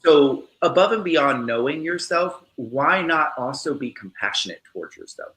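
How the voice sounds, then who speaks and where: A man's voice: fairly high pitch, lively intonation, normal speed, a bit bright. A male host making thoughtful, emphatic points in a casual panel chat. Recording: roomy echo.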